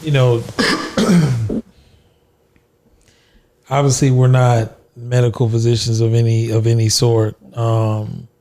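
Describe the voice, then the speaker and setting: A man hosting a podcast, asking measured, deliberate questions. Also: mid-range voice, little pitch movement, dark tone. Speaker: podcast host. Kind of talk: interview conversation.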